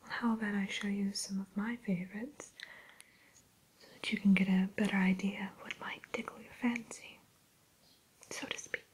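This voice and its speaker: Lady doing an evil queen shopkeeper asmr roleplay, all breathy whisper, snooty and proper, slow little pauses. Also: mid-range voice, fairly even intonation, poor audio. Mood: haughty, aloof. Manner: genteel, aloof, unhurried, hesitant pauses. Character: haughty evil fairy-tale queen turned mirror shopkeeper.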